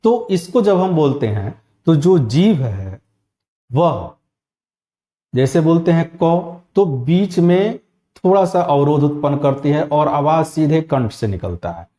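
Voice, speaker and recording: A man giving a spoken grammar lesson, slowly and methodically spelling out sounds one at a time. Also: a little high, big pitch swings, mellow. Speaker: Hindi teacher.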